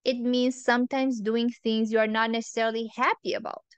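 A woman hosts an advice monologue, earnest and opinionated, working through her points one by one. Her voice sits a little high and sounds smooth and clean. She speaks slowly, recorded close and dry with no room sound. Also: little pitch movement, dry recording. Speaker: relationship advice host.

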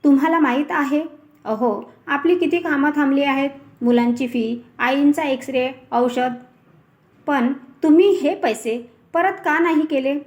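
A caring young wife, eager and full of questions, voiced by a woman storyteller. Her voice is high and bright, spoken as part of a storybook tale. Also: a little slow. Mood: curious.

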